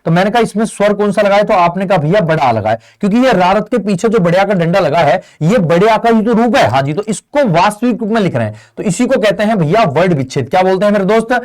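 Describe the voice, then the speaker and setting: A man's voice: sits high, lively intonation, quick pace, few pauses, a little mellow. A man teaching a Hindi grammar lesson for exam preparation, asking the students questions and answering them in their voice, and calling his listeners friend and brother. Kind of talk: online exam-prep lesson.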